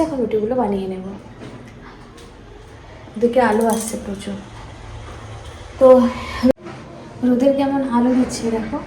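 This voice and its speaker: A woman's voice: a little high, mellow, echoey room, slight background noise, low-quality recording. A woman vlogging in a home kitchen, chatting casually as she walks through her cooking step by step. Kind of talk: casual vlog narration.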